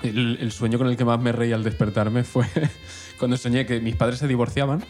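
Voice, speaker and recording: A man's voice: medium pitch, level tone, a little mellow, soft background music. A man, co-hosting a casual chat podcast, joking and chipping in. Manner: joking, quick interjections. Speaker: podcast co-host.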